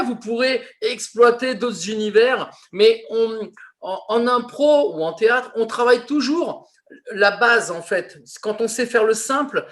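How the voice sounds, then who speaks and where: A man's voice: high voice, fairly bright tone. A man teaching an improv class, explaining patiently and repeating his key points.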